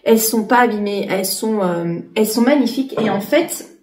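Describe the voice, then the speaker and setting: A woman's voice: mid-range voice, fairly quick, darkish tone, reverberant. A woman in her late thirties chatting casually in a vlog, with lots of fillers and restarts. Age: 30s. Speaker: vlogger. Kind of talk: casual chat.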